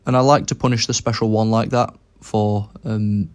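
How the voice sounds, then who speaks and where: A man's voice: fairly low pitch, steady tone, moderate pace. A young man giving casual commentary over his own game, thinking aloud about each move as he plays.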